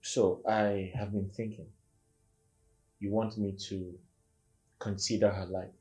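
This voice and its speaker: A bitter man speaks in a lowish voice in a screen drama. He is stern, measured and coldly polite, with faint music underneath. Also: little pitch movement, warm tone. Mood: cold refusal. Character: embittered, unforgiving man, coldly civil while refusing. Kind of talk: film drama acting.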